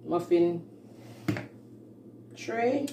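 This home cooking host has a lowish, expressive voice, caught off-mic from across her roomy kitchen amid background noise and faint music. Taking her time, she explains each step of the casual cooking demo in plain language, fillers and all.

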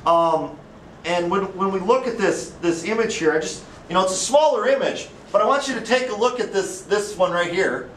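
Speaking at a normal pace, this instructor has a high, fairly bright voice with a little hiss or hum in the audio. He's a man with an Upper Midwest American accent, lecturing chattily and casually and frequently quizzing the class. It's captured from a distance in an echoey classroom.

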